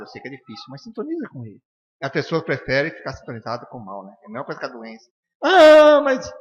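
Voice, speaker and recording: A man with a Brazilian accent from Curitiba teaching an informal spiritist study class, bluntly acting out talks with the people he treats and tagging his points with quick questions. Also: a little high. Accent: Brazilian Portuguese, from Curitiba. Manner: animated, acts out dialogues with patients; blunt and firm, frequent "né?" tags. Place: spiritist center lecture room. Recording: dull lo-fi sound with long hall reverb.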